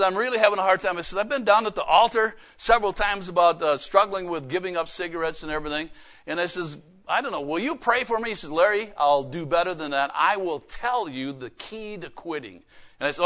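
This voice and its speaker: This man's voice sits high, bright and forceful as he preaches. Likely middle-aged, the preacher and missionary gives a folksy, emphatic sermon, weaving in personal anecdotes and asking rhetorical questions.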